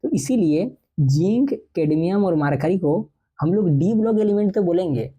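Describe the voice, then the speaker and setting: A young man teaching chemistry for entrance exams, reading textbook lines slowly and then explaining them quickly in a mix of Hindi and English. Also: sits high, expressive, mellow, slightly rough, dull audio. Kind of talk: exam-prep lecture.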